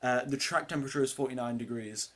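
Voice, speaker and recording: Fielding chat questions during a casual live race watchalong, a teenage boy with a voice deep for his age talks fast. His tone is fairly bright, and his rambling answers are peppered with ums and uhs.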